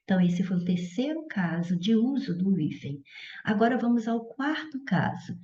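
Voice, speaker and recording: Mellow-voiced woman teaching in an echoey room. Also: mid-range voice, lively intonation, moderate pace. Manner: explains step by step, often checks in with the listener. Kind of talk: recorded grammar lesson. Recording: echoey room, slightly dull sound.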